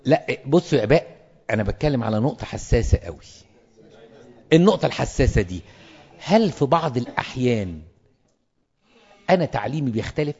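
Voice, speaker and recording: A quick-talking Egyptian clergyman with a husky, slightly rough voice lectures fellow priests. He presses his points home by repeating them. The sound is dull and carries a long hall echo. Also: medium pitch, expressive, a little mellow. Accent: Egyptian Arabic. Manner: emphatic, repeats words for stress.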